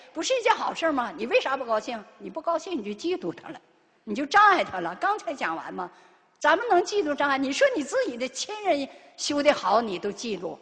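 An older woman delivers a Buddhist dharma talk, her fairly high voice swinging widely in pitch. She keeps firing rhetorical questions at the listeners. The sound carries a long reverberant hall tail. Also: fairly bright tone. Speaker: Buddhist lay teacher.

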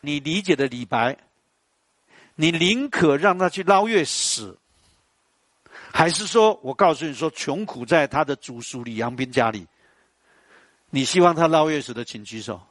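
A man, lecturing a class in an animated, storytelling way and putting questions to the audience. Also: on the high side, moderate pace, long pauses, no echo.

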